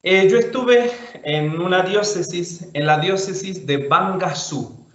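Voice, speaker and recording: Male priest presenting over a video call; easygoing, halting delivery, echoey and muffled. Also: high-pitched. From Chile. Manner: relaxed, thinks aloud with fillers and restarts. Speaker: priest giving a talk. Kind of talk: online talk with slides. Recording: roomy, dull video call audio.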